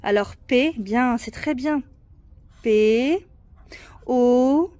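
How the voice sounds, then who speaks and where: A woman with a high, light voice talks a child through a treasure hunt in the garden. She is patient and encouraging and spells words out slowly, letter by letter. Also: dark tone, dry recording. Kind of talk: casual family video chat. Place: outdoors in a garden.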